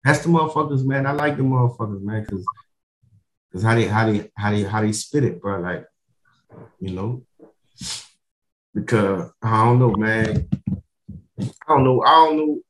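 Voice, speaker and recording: A man's voice: fairly low pitch, moderate pace, pauses often, fairly bright tone, roomy sound, a little hiss or hum, rough recording. A man chatting casually in street slang, circling back over his words and often adding bro, man and you know. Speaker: comedian, podcast guest.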